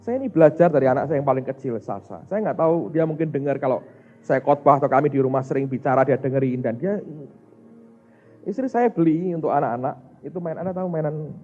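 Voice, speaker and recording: A man, a pastor preaching a sermon, speaking directly to his congregation in an animated way. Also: on the high side. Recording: muffled recording with faint music.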